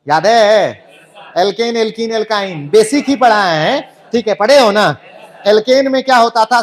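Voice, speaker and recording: A man teaching chemistry in an online class, playful and joking, firing rhetorical questions at students. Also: high voice.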